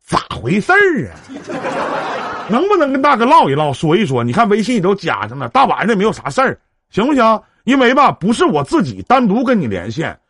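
Brash Northeastern man, high and lively. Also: a little fast, breathy edge. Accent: Northeastern Mandarin. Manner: brash, joking, swears, chummy big-brother banter. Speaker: live-stream relationship advice host. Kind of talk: casual phone counseling chat on a live stream.

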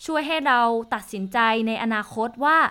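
A woman's voice: fairly high pitch, animated, fairly quick, sharp tone, clean tone. A young woman hosting a podcast and explaining each point step by step in a chatty, casual way. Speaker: language podcast host. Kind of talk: casual spoken lesson.

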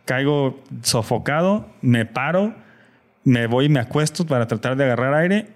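A man's voice: mid-range voice, expressive, moderate pace. A man with a Mexican accent telling a long story in casual chat with friends, full of slang and swearing, acting out what people said. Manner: slangy, swears often, acts out quoted voices.

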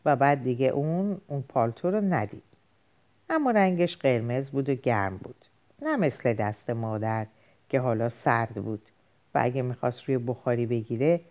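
Low dark-voiced woman reading a novel. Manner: measured, dramatic. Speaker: audiobook narrator.

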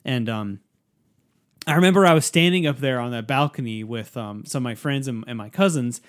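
A man's voice: medium pitch, brisk. Rambling male podcast storyteller. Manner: rambling anecdote with acted-out quotes. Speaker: podcast co-host. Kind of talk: casual storytelling.

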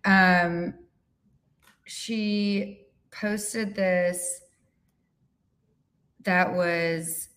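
A woman guest on a podcast, chatting casually and acting out quotes in an animated way. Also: fairly low pitch, extremely slow, long pauses. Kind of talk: casual chat.

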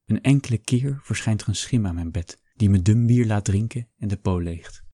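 A man reading a first-person story aloud in a calm, measured storytelling manner. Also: on the low side, no room sound. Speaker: audiobook narrator. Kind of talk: scripted first-person narration.

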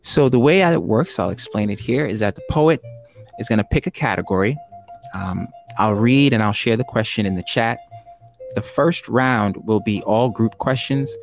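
A man's voice: lowish voice, normal speed, creaky, faint music behind. Laughing, chatty male game host. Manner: chatty, jokey, laughs often. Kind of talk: casual hosting of an online trivia game.

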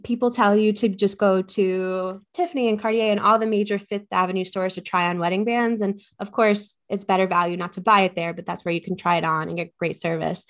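Chatty woman guest with frequent ums. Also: medium pitch. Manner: chatty, many ums, enthusiastic. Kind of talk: casual podcast interview.

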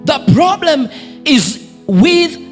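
A man preaching a sermon in short phrases, pausing for an interpreter and rising when he quotes others. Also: very high voice, sing-song, faint music behind.

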